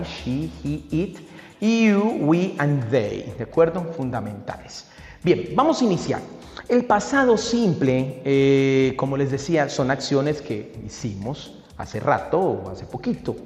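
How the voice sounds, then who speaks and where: A man teaching an English grammar lesson in Spanish, lively and often checking in with his students. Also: medium pitch. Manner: animated, repeats checks with students. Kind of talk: classroom grammar explanation. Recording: echoey room with long reverb.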